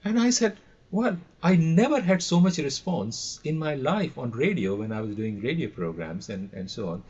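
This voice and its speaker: A middle-aged or older man with an Indian accent, an audio and radio trainer appearing as a podcast guest, answers interview questions, telling anecdotes and repeating phrases for emphasis. His medium-pitched voice is expressive, darkish and slightly rough, at a normal speed. The call audio is dull and lo-fi.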